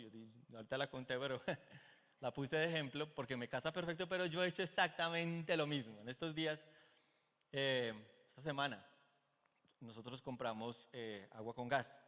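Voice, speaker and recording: A middle-aged Colombian man preaching a sermon in a church auditorium, telling stories in an animated way and acting out the dialogue. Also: a little high. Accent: Colombian Spanish. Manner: animated storytelling, acts out quoted dialogue. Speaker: pastor. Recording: long hall reverb.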